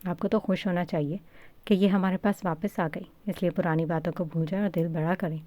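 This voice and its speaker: A woman voicing a calm, persuading older grandmother. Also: fairly low pitch, close to an everyday voice.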